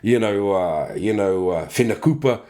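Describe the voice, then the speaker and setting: Earthy Kiwi man, blunt and unhurried. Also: lowish voice, expressive, dark tone. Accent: broad New Zealand Māori English. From New Zealand. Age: middle-aged. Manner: earthy, blunt, swears freely. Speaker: interview guest, moko practitioner. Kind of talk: casual reflective chat.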